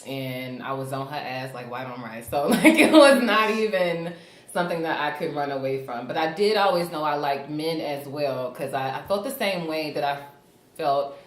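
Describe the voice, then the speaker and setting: A woman's voice: low voice, lively intonation, moderate pace. A woman in her twenties hosting a casual group chat, candid and laughing, swearing casually. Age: 20s. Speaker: host. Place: studio room with a table of friends. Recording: roomy echo, faint hiss.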